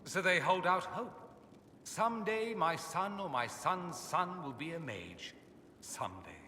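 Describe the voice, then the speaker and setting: An adult man performs fantasy game dialogue as an urbane, self-assured noble mage from a foreign land, sounding wry and explanatory in a heavily acted, unhurried delivery. His very bright, crisp voice is theatrical and sardonic, swooping in pitch. It echoes in a hall with faint ambient noise behind.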